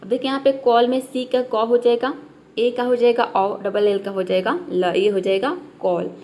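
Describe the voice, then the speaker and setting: Higher-voiced woman teaching pronunciation. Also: steady tone, moderate pace, dark tone, a little hiss or hum. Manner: explains step by step, asks and answers her own questions. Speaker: English teacher. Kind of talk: classroom-style pronunciation lesson.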